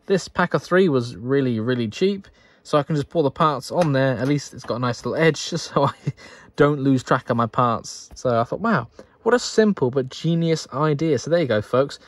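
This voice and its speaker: A man's voice: medium pitch, expressive, normal speed. A man narrating his Lego building in a chatty, upbeat way, thinking aloud as he goes. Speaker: Lego builder and channel host. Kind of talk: casual narration over build footage.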